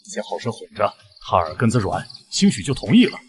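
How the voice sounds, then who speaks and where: An actor playing a cold, authoritative middle-aged lord of a noble house in a costume drama. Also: male voice, fairly low pitch, very animated, brisk, big-room sound, a little hiss or hum. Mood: calculating. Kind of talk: Chinese costume short-drama acting.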